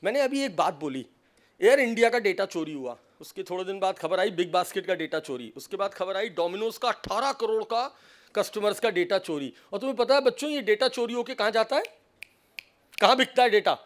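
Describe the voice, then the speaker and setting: A man giving a lively seminar lecture on cyber safety to a live audience, mixing Hindi and English and acting out phone calls as he teases the listeners. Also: sits high, brisk. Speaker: seminar speaker on cyber crime.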